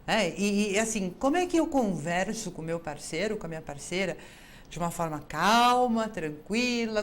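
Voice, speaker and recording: A psychologist with a Brazilian Portuguese accent hosts an advice show, addressing viewers directly in a mid-range voice with a little hiss or hum in the background. She's lively and acts out the quoted dialogue herself.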